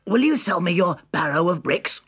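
A tiny, polite little pig in a storybook, as a male reader puts him on, pitched far above the reader's own voice and loud. The lively voice sits over background music. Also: normal speed, husky, exaggerated voice. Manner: squeaky, high, polite. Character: little pigs, small, young, polite and defiant.

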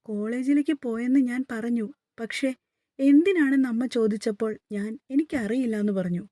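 A woman voicing a shy, timid young wife who speaks softly and pleads, in a story read aloud. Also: a little high, moderate pace, no echo, studio quality, close to an everyday voice. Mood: pleading. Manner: pleading, soft-spoken.

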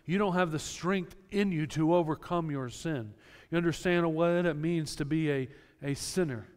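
Speaking at a moderate pace, this male pastor has a smooth, resonant, slightly high voice with a little mellowness to it. His earnest sermon explains scripture through homely everyday examples, ringing out with the long reverb of a church sanctuary.

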